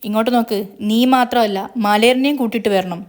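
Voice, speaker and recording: Fast and fairly high-pitched, a woman's natural voice plays a gloating kidnapper, a menacing male villain mocking and threatening someone by phone in a taunting mood.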